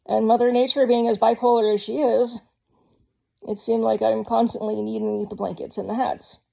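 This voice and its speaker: A woman's voice: fairly high pitch, flat delivery, moderate pace, creaky, mellow. A woman talking candidly in a casual personal vlog, rambling with frequent ums. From Georgia, US. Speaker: vlogger.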